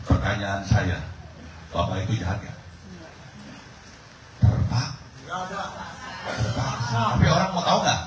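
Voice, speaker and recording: A man preaching a sermon, telling a story, acting out voices and shifting from quiet murmurs to shouts. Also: muffled recording, a little hiss or hum. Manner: storytelling preacher, acts out voices, asks the crowd for agreement; swings from low murmurs to loud shouting. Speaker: pastor. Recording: echoey hall, voice from far off.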